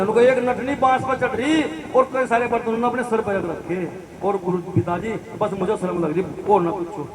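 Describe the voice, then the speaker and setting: A male devotional singer and preacher telling a sacred story as a sermon, often turning to the audience with questions. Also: very high-pitched. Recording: distant mic with crowd noise.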